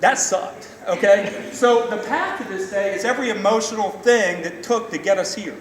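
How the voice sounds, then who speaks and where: A middle-aged man gives an informal father of the bride speech, plain-spoken, salty and emotional, with halting delivery. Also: high-pitched. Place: large reverberant reception room indoors. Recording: echoey hall, distant mic, noisy room.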